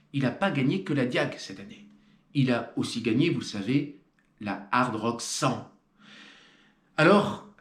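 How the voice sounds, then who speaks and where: Teasing French man in an echoey room. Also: mid-range voice. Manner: mock-solemn and teasing, theatrical emphasis. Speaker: trail running video host. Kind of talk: playful scripted commentary.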